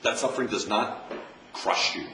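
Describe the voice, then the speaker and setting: A man's voice: fairly low pitch, normal speed, pushed and bright. An American man, a Zen monk, giving an informal meditation talk in a conversational way, often repeating phrases for emphasis. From United States. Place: campus lecture room. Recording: roomy, distant mic, faint hiss.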